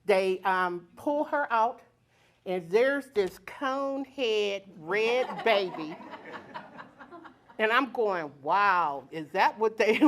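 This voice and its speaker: A woman telling a personal story at a live storytelling event, colloquial and lively, acting out the voices of the people in it. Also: mid-range voice.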